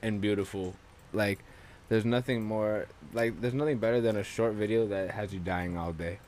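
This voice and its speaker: A man's voice: on the low side, fairly even intonation, moderate pace, a little mellow, slight background noise. A young American man in casual podcast chat, rambling in slang with a lot of swearing. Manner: slangy, rambling, heavy profanity.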